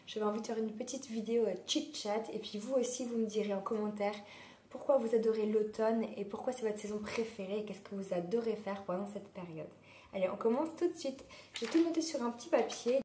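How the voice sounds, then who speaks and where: A woman vlogger chatting casually while hoarse from a sore throat, rambling with many fillers. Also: mid-range voice, brisk, warm tone. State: sore throat, losing her voice. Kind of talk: casual chat. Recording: roomy echo.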